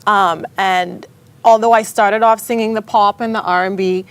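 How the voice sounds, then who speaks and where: A woman's voice: mid-range voice, fairly even intonation, normal speed. A woman from the Bahamas with a Bahamian accent, chatting as a talk show guest with frequent ums. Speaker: guest singer. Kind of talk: casual talk show interview.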